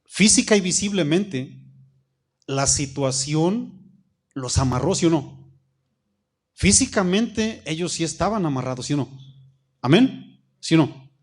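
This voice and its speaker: A man, a pastor preaching a sermon, reading scripture slowly and calling out questions to the congregation. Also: fairly high pitch, expressive, husky. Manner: reads scripture slowly, stretching key phrases.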